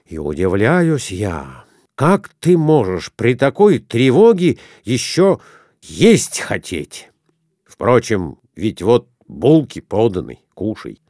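A man voicing a jittery middle-aged husband, fretful and hurried, pleading to get away fast. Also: on the low side, huge pitch swings, mellow, dry recording, studio quality, full character voice.

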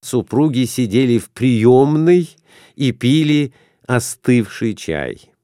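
A man reading an audiobook in scripted narration, expressive and unhurried. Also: mid-range voice, dry recording, clean studio sound. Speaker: audiobook reader.

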